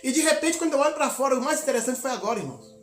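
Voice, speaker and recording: A man's voice: very high voice, lively intonation, very fast, roomy sound, soft background music. A man from Minas Gerais, a missionary preacher, telling a testimony in a sermon, acting out the dialogue of his story and exhorting the congregation. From Minas Gerais, Brazil.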